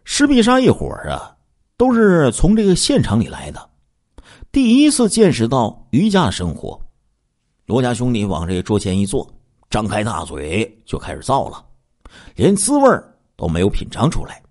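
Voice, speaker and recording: A man's voice: medium pitch, moderate pace. A man narrating a crime story in a dramatic storytelling style, drawing out his phrases with particles. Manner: animated, draws out phrases with 啊 and 呢 particles.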